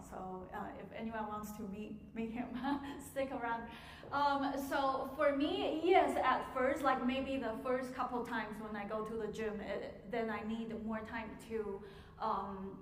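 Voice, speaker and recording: A woman teaching a piano masterclass, answering audience questions in a measured way with frequent pauses and ums, in an auditorium. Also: on the high side. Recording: echoey hall, faint noise.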